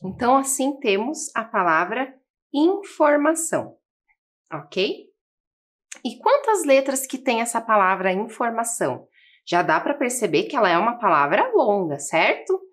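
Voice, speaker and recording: A Brazilian woman teaching a lesson for children, spelling and counting out letters slowly and asking the viewers questions. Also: on the high side, sing-song. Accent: Brazilian Portuguese. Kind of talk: slow, patient classroom lesson for children. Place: classroom-style studio with a table.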